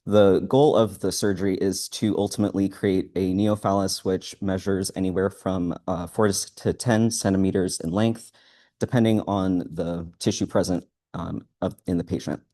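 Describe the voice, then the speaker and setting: A student man presents live in front of an audience. His voice sits very low and has a mellow, dark color. He moves through his material hesitantly, in a halting way. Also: fairly even intonation.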